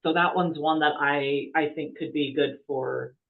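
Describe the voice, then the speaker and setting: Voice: medium pitch, fairly even intonation, measured pace, vocal fry. A webinar moderator relaying audience questions in a hesitant way with frequent restarts. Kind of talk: casual Q&A moderation. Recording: tinny phone-like call audio.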